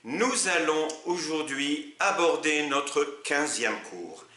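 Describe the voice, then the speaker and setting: Male teacher, patient and slow, animated pitch, roomy sound. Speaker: Arabic teacher. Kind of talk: video lesson.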